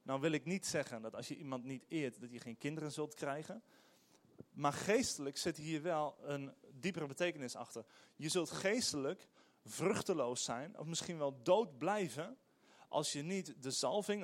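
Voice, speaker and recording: A middle-aged man, a pastor, preaching a sermon in an animated, emphatic way with frequent hesitations. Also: fairly high pitch.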